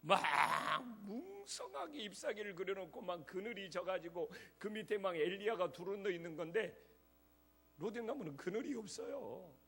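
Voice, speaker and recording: Husky-voiced pastor preaching, lively pitch. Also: male voice, moderate pace, few pauses. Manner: conversational preaching, addresses congregation directly. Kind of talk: sermon. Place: church sanctuary.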